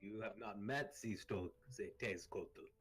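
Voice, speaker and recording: A man's voice: slow, fairly bright tone, breathy edge, soft background music, exaggerated voice. A man voicing a haughty, grandiose temple guardian who calls himself child of the moon, in tabletop role-play. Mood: haughty, indignant. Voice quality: deep bass. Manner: pompous, grandiose challenge.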